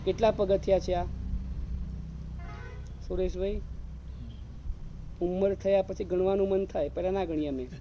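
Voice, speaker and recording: A man's voice: sits high, fairly even intonation, measured pace, long pauses, mellow, faint music behind. A man preaching an evening sermon as a monk, repeating his points and firing rhetorical questions at the audience. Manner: drills points by repeating phrases. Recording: dull lo-fi recording.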